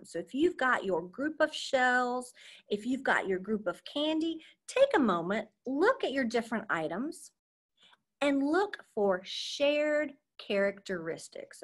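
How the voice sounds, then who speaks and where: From home, a young adult woman with a medium-pitched voice runs a marine science lesson for children over a video call. She sounds upbeat and chatty, like a teacher, repeatedly checking in with "okay?".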